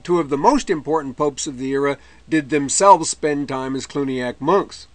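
A man's voice: a little high, fairly bright tone. A man giving a recorded history lecture, explaining in a conversational way with dry asides and occasional mid-word self-corrections.

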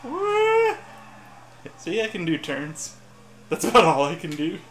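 A man's voice: on the high side, moderate pace, a bit bright, reverberant, slight background noise. A man joking and mocking himself while playing a racing game in casual chat. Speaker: gameplay commentator.

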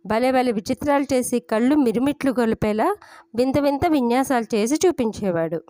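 Woman narrator, first-person audio story, slightly high pitch, dry booth sound. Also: fairly quick, mellow, dry recording.

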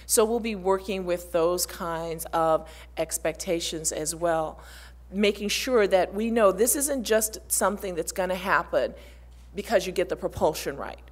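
Woman, middle-aged, low-pitched, panel talk, table mic, conference hall. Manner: earnest, listing many partners.

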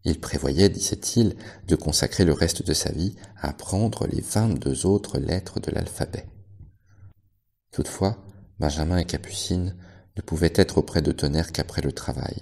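Deep-voiced man reading a story. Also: moderate pace, vocal fry, darkish tone. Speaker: librarian reading aloud. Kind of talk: audiobook narration.

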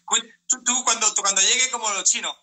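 Fast, bright, enthusiastic male live-stream host. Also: sits high, fairly even intonation. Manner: enthusiastic, drawn-out announcements to the audience. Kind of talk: casual live-stream interview.

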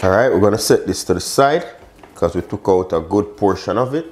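Talking casually from a modern home kitchen, this cooking show host and chef guides his audience through each step of a recipe with quick, chatty exclamations. His lowish, somewhat dark voice is expressive and moves a little fast.

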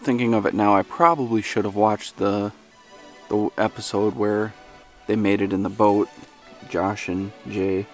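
Steady in tone and a little slow, this young man's fairly low voice carries over soft background music. He's a fishing vlogger cleaning and cooking his catch outdoors near a forest lake, talking casually with many fillers and self-mocking remarks. A camera mic, both handheld and set on the ground, records him from a distance.

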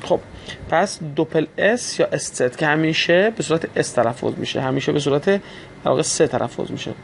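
A man teaching a recorded German lesson, spelling letters slowly, repeating sounds, and speaking to listeners as friends in polite, formal phrasing. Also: on the high side, creaky, a little hiss or hum.

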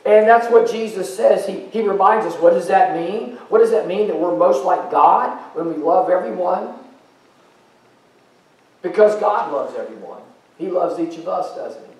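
A man's voice: high-pitched, lively intonation, normal speed, darkish tone, far from the mic. A middle-aged American man preaching a sermon as pastor, in a conversational, folksy way with fillers. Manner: paces and gestures while preaching. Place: church sanctuary stage. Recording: very echoey church from afar.

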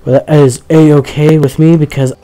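Young guy doing a let's play, mellow warm voice, rambly and jokey, gets startled easy. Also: on the high side, flat delivery, moderate pace. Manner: chatty, jokey, talks to the viewers, easily startled. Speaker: gaming commentator. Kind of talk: casual let's play commentary.

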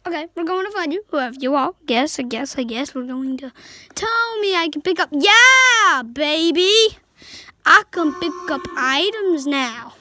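High-voiced excitable woman gaming. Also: moderate pace, slight background noise, low-quality recording. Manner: excitable, swings between yelps and hushed whispers. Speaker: gameplay commentator. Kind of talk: let's play commentary. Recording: game music playing clearly behind the voice.

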